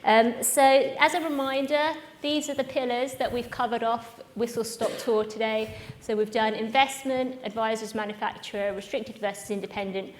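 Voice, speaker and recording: Bubbly, high-voiced woman hosting. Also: fairly even intonation, normal speed, hardly any pauses, a little hiss or hum. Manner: bubbly, chatty, self-mocking. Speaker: event host. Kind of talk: live conference presenting. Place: conference room with live audience.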